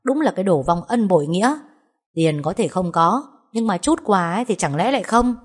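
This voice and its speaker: A harsh, greedy middle-aged husband snaps crude insults in an audio story, as a woman reads him. The voice sits fairly low. It stays on his own grievances and keeps shouting them down. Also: animated, fairly quick. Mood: angry.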